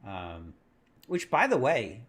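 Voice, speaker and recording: Man, live stream host, casual market commentary, rambling, self-correcting, pitch swings up and down. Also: huge pitch swings, takes it slowly, fairly bright tone. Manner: laughs often.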